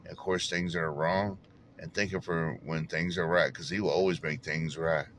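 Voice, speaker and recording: Folksy deep-voiced man preaching casually. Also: fairly even intonation, normal speed, a bit bright, slight background noise. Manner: folksy storytelling, laughs at himself, preachy asides. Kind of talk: casual devotional monologue.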